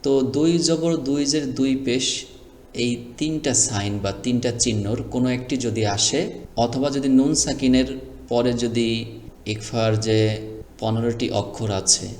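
A man's voice: medium pitch, normal speed, darkish tone, slight background noise. A man teaching Quran reading, spelling out letters and vowel marks one by one and asking the learner to repeat after him. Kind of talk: slow spelled-out recitation lesson. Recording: echoey room with long reverb.

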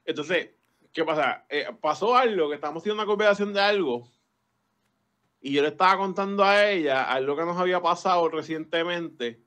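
A man speaks in a slightly raised voice as a podcast guest. His talk is loose and profane, full of restarts and half-finished thoughts. It is casual storytelling in a relaxed chat. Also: a little high, fairly quick.

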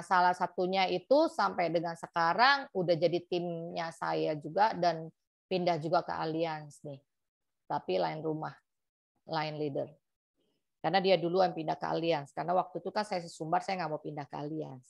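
A woman's voice: deep voice, moderate pace, gravelly, no room sound. A middle-aged woman, telling sales stories to colleagues in a casual way and acting out the dialogue. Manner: lively, acts out dialogue in quotes. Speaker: insurance agent sharing experience.

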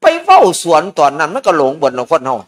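A man's voice: on the high side, very animated, quick pace. A man, a Buddhist monk with an Isan accent, giving an informal sermon at a merit-making ceremony in a folksy, joking storytelling manner.

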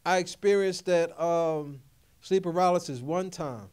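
A middle-aged man delivers a sermon in a notably high voice. He preaches in emphatic, repeated phrases and keeps calling out questions to his listeners. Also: unhurried, darkish tone, clean tone. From Philadelphia area. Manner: call-and-response preaching, repetitive and emphatic. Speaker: pastor.

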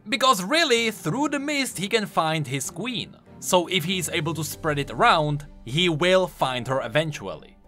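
With music behind him, a man voices a game-lore explainer video for YouTube. His tone is bright and fairly high, and his very expressive delivery stresses points like a fired-up gaming commentator.

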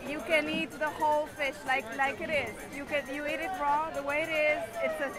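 High-voiced woman guiding a market tour. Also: flat delivery, moderate pace. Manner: patient, explains simply, agrees often. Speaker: local food guide. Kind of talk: explaining local food to a host. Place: busy outdoor fish market. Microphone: lapel mic. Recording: loud crowd and music behind. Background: crowd chatter and background music.

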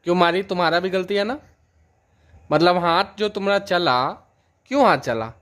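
A man's voice: high-pitched, moderate pace, a bit bright. Playful man coaxing a toddler. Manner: playful, coaxing a small child. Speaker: vlogger, father. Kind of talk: casual family vlog chat.

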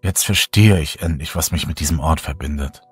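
A man's voice: rumbling low, brisk, husky, no echo, faint music behind, exaggerated voice. A man playing the frightened first-person hero of a horror audiobook, asking urgent, breathless questions.

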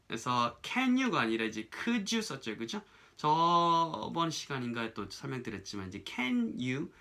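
In a casual, chatty English lesson, a man with a sharp-toned, mid-range voice keeps checking "right?" and says English lines slowly as examples.

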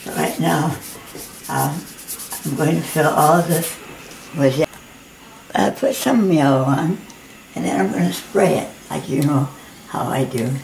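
An elderly woman in her eighties with slightly slurred speech from missing teeth, talking in an earnest, halting, plainspoken way as in a homemade personal video. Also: deep voice, creaky, a little mellow, reverberant, low-quality recording. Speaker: amateur watercolor painter and video maker. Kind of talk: personal testimony and casual painting demonstration. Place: living room at home, indoors. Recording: noticeable background noise, amateur home recording.

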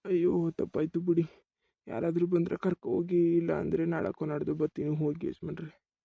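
A man in a village comedy skit speaks in a pleading, whiny tone. His voice is gravelly and dark and stays fairly flat. The recording is dry and dull. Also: fairly high pitch, fairly quick, no room sound. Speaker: comic actor playing a sick farm laborer.

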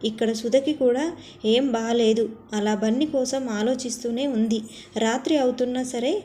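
A woman narrating a family drama story, reading every part in one steady voice. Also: fairly high pitch, normal speed, a little hiss or hum. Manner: reads all parts in one steady voice.

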